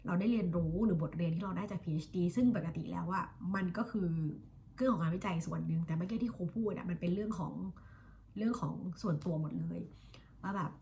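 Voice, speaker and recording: A Thai woman in her thirties, an English teacher, talking casually about her studies and slowly drilling the pronunciation of English words. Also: fairly low pitch, mellow, a little hiss or hum. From Thailand. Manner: chatty, self-reflective, drills words slowly by repeating them. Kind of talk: casual vlog-style lesson.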